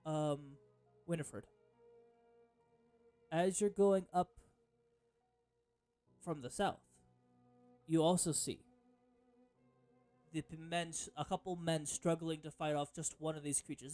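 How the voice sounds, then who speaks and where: A man's voice: fairly high pitch, a little mellow. A man narrating as game master of a tabletop game, rambling with many fillers and self-corrections.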